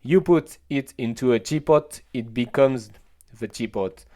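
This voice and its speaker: A man doing a slow mock-English maxim reading. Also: medium pitch, dark tone, lightly acted. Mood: solemn. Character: man reciting a calm martial-arts maxim in a mock English accent.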